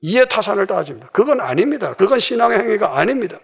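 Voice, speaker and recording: A man's voice: high voice, very animated, quick pace, creaky, a bit bright, breathy edge. A man pastor delivering an impassioned sermon, acting out the voices he quotes.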